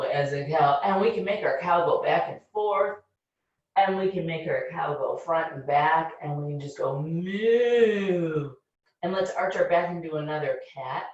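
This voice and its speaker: A woman leading a children's yoga class, giving gentle, encouraging step-by-step instructions. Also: lowish voice. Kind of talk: guiding a kids' yoga class. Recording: distant, very echoey, dull-sounding room recording.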